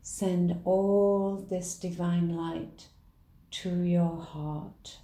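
Very slow, dark-voiced woman guiding meditation. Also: fairly low pitch, fairly even intonation. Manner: soft, slow, soothing delivery. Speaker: meditation guide. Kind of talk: guided meditation. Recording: roomy echo.

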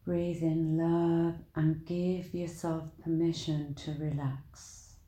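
A woman leading a guided meditation in a soothing, deliberate manner, with long pauses between short phrases. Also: sits low, level tone, mellow, reverberant.

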